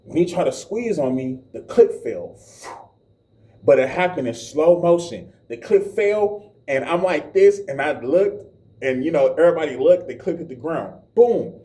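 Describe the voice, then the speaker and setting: A man with a fairly high, mellow voice tells his testimony as a vivid street story. He acts out each exchange and lifts his voice for the quoted lines. He sits a little back from the mic. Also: lively intonation, moderate pace, recorded from a distance. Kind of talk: animated spoken testimony.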